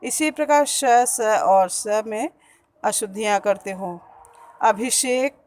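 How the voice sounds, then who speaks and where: A woman teaches a school grammar lesson in an unhurried, even pace. She repeats example words deliberately, contrasting wrong and right pronunciations. Her pitch sits in an ordinary middle range. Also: rough recording. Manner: slow, patient, repeats each word to stress correct pronunciation.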